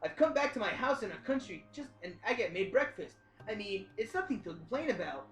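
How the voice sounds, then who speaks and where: A woman reading a visual novel aloud in a let's play, joking about the text and squeaking out sound effects. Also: sing-song, fast, roomy sound. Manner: playful, jumps into high squeaky voices for sound effects. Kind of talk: reading game text aloud with jokey commentary.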